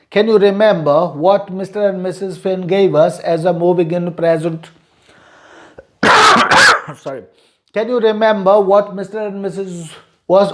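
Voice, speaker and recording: A man teaching English pronunciation, slowly repeating short drill lines and explaining how sounds join. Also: sits high, darkish tone. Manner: slow, repetitive drilling with frequent restarts; explains sound rules plainly, with fillers.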